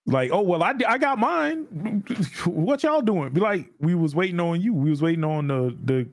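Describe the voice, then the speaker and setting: Podcast guest, man, lively and jokey, acts out quotes, higher voice, very dry sound. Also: normal speed, no echo. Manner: animated, acts out quoted voices, laughs often. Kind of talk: casual podcast chat.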